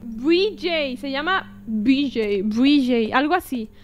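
Una mujer con acento mexicano que comenta su partida en directo, reacciona con gritos excitados y traduce lo que dicen los personajes. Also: female voice, high-pitched, slow, muffled recording. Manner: excitable, shrieking reactions, translating game lines. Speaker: streamer. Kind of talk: gameplay commentary. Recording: game music behind.

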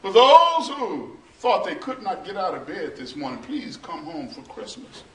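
Slow-preaching pastor in a roomy church. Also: male voice, sits high, sing-song. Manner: slow, preachy, rises to shouting and half-singing. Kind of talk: sermon. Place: small church sanctuary. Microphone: far camera, no mic seen. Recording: roomy church echo from far off.

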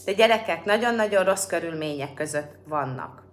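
Low-voiced woman chatting casually. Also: lively intonation. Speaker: livestream host. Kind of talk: casual chat with viewers.

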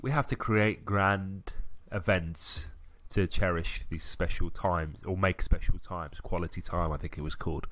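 A young man with a fairly low voice talks through a personal story on a podcast. He is reflective and easygoing, with frequent fillers and restarts. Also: unhurried, hardly any pauses, fairly bright tone. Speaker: podcast co-host. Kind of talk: casual chat.

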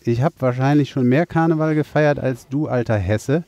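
A man from the Rhineland co-hosting a casual podcast chat from inside a car, hesitant with many fillers and animated when he protests. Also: mid-range voice, moderate pace, no echo. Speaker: podcast co-host. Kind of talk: casual chat among friends.

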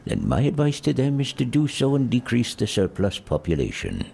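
Gravelly, scornful old miser. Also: male voice, medium pitch, huge pitch swings, moderate pace, warm tone, heavily acted. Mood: curt, dismissive. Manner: curt, scornful, grumbling. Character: elderly miser, cold, scornful, irritable employer. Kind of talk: audio drama acting.

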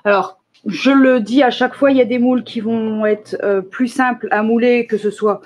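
A woman running a live shop presentation, chatty and enthusiastic, often filling pauses with little interjections. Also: a little high, fairly even intonation, darkish tone, a little hiss or hum. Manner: chatty, enthusiastic, fills pauses with "hop" and "euh". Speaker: shop owner presenting new products. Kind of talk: live product demonstration.

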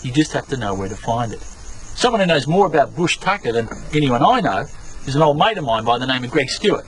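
A man's voice: medium pitch, very animated, a little fast, close to an everyday voice, poor audio. An actor with an Australian accent playing a blokey, self-important outback bushman who earnestly presents an adventure show. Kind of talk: scripted documentary parody narration and presenting. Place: outdoors in the bush, and voice-over. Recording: music under voice, faint outdoor noise.

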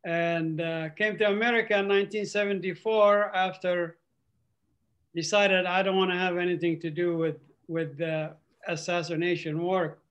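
A man in his sixties from Palestine, raised in the Gulf, giving an earnest, halting testimony over a video call. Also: high voice, flat delivery, fairly bright tone, dull audio. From Palestinian, raised in Saudi Arabia and Qatar. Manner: earnest, halting with frequent uhs. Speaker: ministry speaker.

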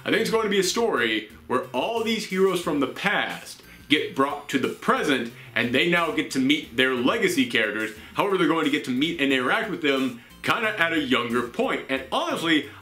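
A man in his thirties giving sarcastic, animated vlog commentary as a show host, with a steady hiss behind him. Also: fairly high pitch, a little fast, few pauses, soft background music. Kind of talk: energetic vlog commentary to camera. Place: small indoor room with shelves. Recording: roomy, with steady background hiss.

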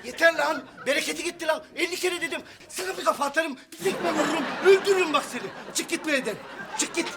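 An actor playing a hot-tempered middle-aged husband who shouts blustering threats in coarse slang. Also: male voice, very high-pitched, fast talker, a crowd in the background, background noise. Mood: furious. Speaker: sitcom actor. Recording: studio audience laughter behind.

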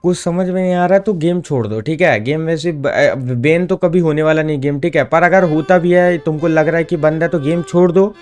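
A man's voice: fairly high pitch, normal speed, hardly any pauses, a little mellow, faint music behind. A young man scolds a friend in a casual gaming vlog chat and keeps saying "bhai" and "yaar". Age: young adult. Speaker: gaming vlogger.

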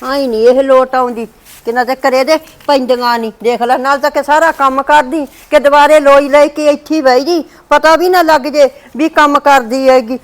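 A woman's voice: high voice, fairly even intonation, moderate pace, close to an everyday voice. Woman playing a weary Punjabi mother-in-law. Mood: complaining. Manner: plaintive, grumbling. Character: put-upon older mother-in-law, weary and complaining. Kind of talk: scripted family skit.

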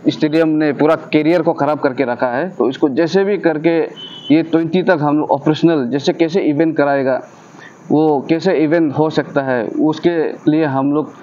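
A man opens an outdoor press briefing, speaking haltingly with fillers. His voice is a little high and mellow. The recording is dull and lo-fi, with a faint noise behind him. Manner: hesitant, with fillers, inviting people to a rally. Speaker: association representative. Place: outdoor rooftop terrace.

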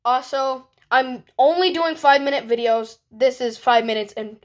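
A woman vlogging casually as she opens trading cards, chatty and excitable, swinging quickly between groans and cheers. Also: high voice. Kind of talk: casual unboxing chat.

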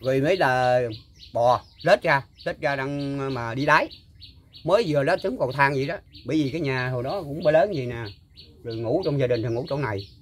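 An older man, recalling a story in casual talk and pausing often with fillers and repeated words. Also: medium pitch, slight background noise. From Mekong Delta, Vietnam. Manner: halting, full of fillers and repeats. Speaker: guest storyteller. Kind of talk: casual spoken recollection.

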